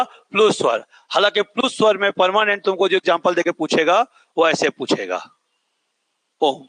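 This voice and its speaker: In a classroom lecture, a man with a high-pitched, slightly bright voice repeats each point and has the class say it back. He stretches out vowels to show how long they last, and the recording is rough.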